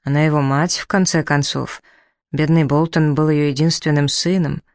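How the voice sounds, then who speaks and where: A man voicing a calm young male country doctor who speaks gently and soothingly, in a storybook reading. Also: a little high, normal speed, no room sound, clean studio sound, close to an everyday voice. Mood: startled.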